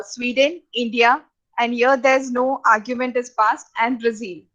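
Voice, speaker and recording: Halting woman lecturing, lo-fi sound. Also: sits high, a bit bright. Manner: halting, many fillers and restarts. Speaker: programming teacher. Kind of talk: lecture over slides. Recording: dull lo-fi recording.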